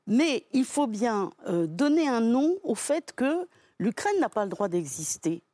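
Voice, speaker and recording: Emphatic woman with a dark, dry voice. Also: fairly high pitch, sing-song, a little slow, no echo. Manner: emphatic, thinks aloud with restarts. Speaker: guest commentator. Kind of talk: studio debate.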